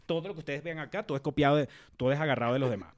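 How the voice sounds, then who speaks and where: A young man with a Venezuelan accent, co-hosting a podcast in slangy, profane, animated casual chat. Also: a little high, very fast. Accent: Venezuelan Spanish. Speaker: podcast co-host.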